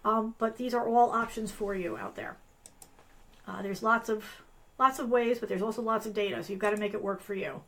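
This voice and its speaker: A woman's voice: medium pitch, steady tone, fairly quick, a bit bright. A woman hosting a live online tutorial, losing her voice, chatty and apologetic, with lots of fillers and restarts. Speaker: host of a live business analyst show. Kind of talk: casual live-stream tutorial.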